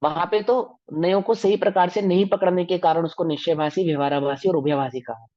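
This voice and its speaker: A man's voice: sits high, steady tone, a little fast, warm tone, dry recording. A man teaching a scripture study class who explains step by step and keeps asking the class rhetorical questions. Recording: dull, dry recording.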